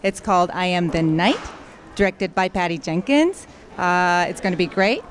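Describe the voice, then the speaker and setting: A woman's voice: fairly low pitch, normal speed. A woman actress speaking casually and easygoing into a handheld mic at a red carpet.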